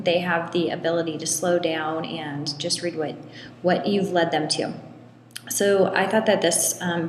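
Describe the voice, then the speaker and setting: A woman giving a step-by-step screen tutorial in an echoey room with long reverb, talking in a relaxed way with frequent ums. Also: on the low side, a little hiss or hum. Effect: echoey room with long hall-like reverb. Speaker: tutorial presenter.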